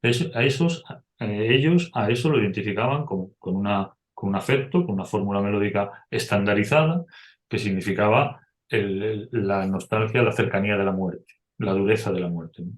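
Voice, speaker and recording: A man's voice: on the low side, moderate pace, roomy sound. A middle-aged man teaching music, explaining step by step and humming short melodies as examples. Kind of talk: explanatory lecture.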